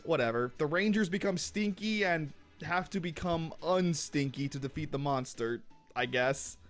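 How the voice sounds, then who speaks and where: A man's voice: a little high, normal speed, faint music behind. A young man hosting and narrating a scripted episode recap with wry, sarcastic commentary. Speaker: host.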